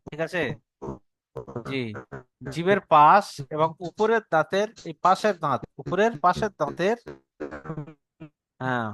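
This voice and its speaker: A man with a Bengali accent teaching Quran pronunciation online, patiently repeating each point slowly for his student. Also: fairly high pitch, fairly bright tone, lo-fi sound. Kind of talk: online tajweed lesson.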